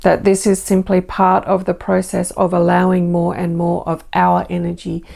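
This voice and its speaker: An Australian woman speaking as a benevolent spirit entity in a channelled spiritual message, slow and formal with repeated phrases. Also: fairly low pitch, monotone, gravelly, darkish tone. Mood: serene, benevolent.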